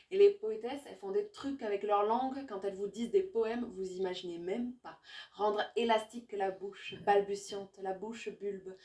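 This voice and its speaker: In a small indoor space, a female poet reads her poems aloud before an audience. Her mid-range voice follows a repetitive rhythm, swinging from hushed passages to loud outbursts.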